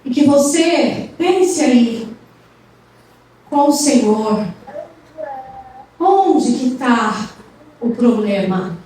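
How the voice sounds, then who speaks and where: A woman's voice: on the high side, expressive, very slow, long pauses, warm tone, slight background noise. A woman missionary leading a fervent, pleading prayer during a church service, often chanting and drawing out her words. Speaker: missionary preacher. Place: church hall. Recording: echoey hall, voice from far off.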